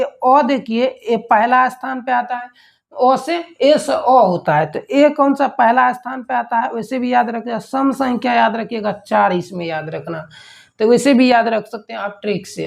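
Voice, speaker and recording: A man's voice: very high voice, gravelly. A young man teaching an online general-knowledge lesson, explaining memory tricks in an informal, chatty way that repeats key words and keeps asking rhetorical questions.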